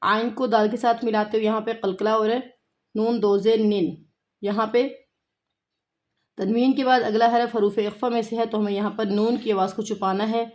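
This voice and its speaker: A woman teaching a tajweed lesson, explaining rules and slowly repeating words to show how they are pronounced. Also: on the high side, little pitch movement, darkish tone. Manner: patient, repeats words slowly to demonstrate pronunciation. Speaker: Quran recitation teacher.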